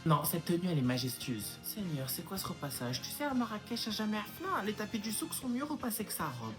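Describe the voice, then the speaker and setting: A man's voice: sits high, sing-song, a little fast, over music. A man performing a POV comedy sketch, talking in a mocking, teasing, interrogating way.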